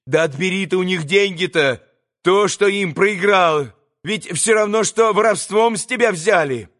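Man reading a book doing a blunt sly innkeeper, rough and scolding, slow and drawn out. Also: high-pitched, fairly bright tone. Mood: urging.

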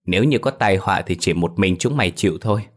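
A man's voice: deep voice, fast talker. A man voicing an arrogant, mocking elderly clan head who domineers over his relatives in an audio ghost story. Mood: scornful.

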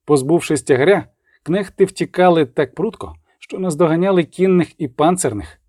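A man narrating an audiobook in a steady dramatic reading. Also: a little high, normal speed, no echo, clean studio sound. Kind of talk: scripted narration.

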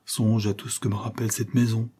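A man's voice: lowish voice, little pitch movement, a little fast, mellow, breathy edge. A man voicing a troubled male accomplice who pleads and then turns defiant.

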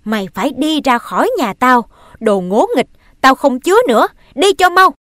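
Audiobook stepmother, played by a woman reader: high-pitched, loud, scolding, quick to anger. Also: sing-song, no echo, studio quality. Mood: furious. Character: sharp-tongued young stepmother, quick to anger.

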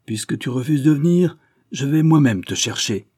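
A man's voice: mid-range voice, lively intonation, moderate pace, a little mellow, no echo, studio quality, pitched above the performer's own voice, close to an everyday voice. A man voicing a determined American deputy sheriff in an audiobook, talking in a commanding, insistent way.

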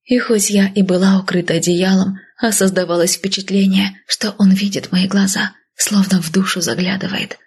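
A woman narrating a first-person fantasy audiobook in a soft, hushed, intimate reading. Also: mid-range voice, steady tone, normal speed, few pauses, breathy edge.

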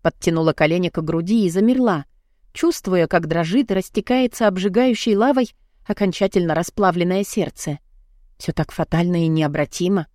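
A woman narrating a first-person audiobook, expressive and emotional. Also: fairly low pitch, normal speed, no echo, studio quality.

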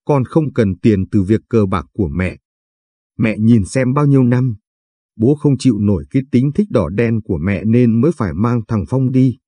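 A man voicing a young woman just out of high school who bitterly reproaches her mother. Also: lively intonation, moderate pace, mellow, slightly rough, no room sound.

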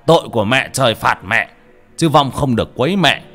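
A man's voice: mid-range voice, lively intonation, brisk, pushed and bright, soft background music, voice pushed up. A man voicing a stern male exorcist master who commands spirits with authority. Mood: commanding.

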